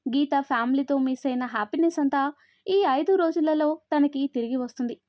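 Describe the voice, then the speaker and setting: High-voiced woman reading a story. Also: brisk, no echo. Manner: steady storybook reading, voices every character herself. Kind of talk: scripted narration. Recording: dry, slightly dull recording.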